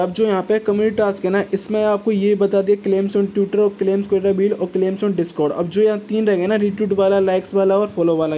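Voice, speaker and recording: A man with a high-pitched, warm voice gives a casual, screen-recorded walkthrough as a crypto tutorial YouTuber, with a little hiss or hum underneath. He's chatty and goes step by step, often checking in with viewers, calling them brothers and repeating "ठीक है".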